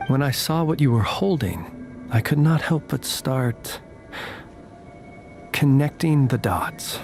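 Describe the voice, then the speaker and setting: A man voicing a courteous, enigmatic gentleman watchman in a video game, formal and wry. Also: medium pitch, expressive, slow, gravelly. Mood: probing. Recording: music under the voice.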